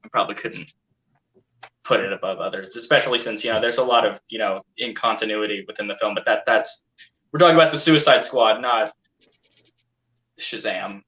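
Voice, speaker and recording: A man's voice: fairly low pitch, brisk, pauses often, a bit bright, reverberant, muffled recording. A man in a casual live discussion over a video call, rambling and repeating himself. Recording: noisy crunchy call audio.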